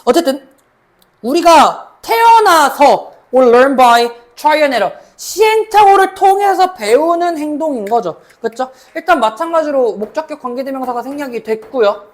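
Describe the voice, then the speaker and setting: A woman lecturing as a cram school English teacher, reading English sentences slowly, then explaining them in Korean and checking in with her students. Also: high voice, expressive. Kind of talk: mock exam explanation lecture.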